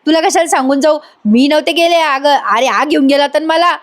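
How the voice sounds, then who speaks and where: An excitable young village woman who chatters nonstop, as a woman puts her on. The voice is high and lively. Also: a little fast, lightly acted. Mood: chattering.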